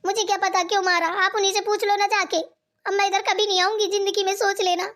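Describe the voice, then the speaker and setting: A whiny young sister-in-law in a cartoon, sulking and tearful, voiced by a woman. Her voice sits very high, almost childlike, as she complains between sobs. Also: little pitch movement, fast talker, a bit bright. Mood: indignant. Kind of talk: cartoon voice acting.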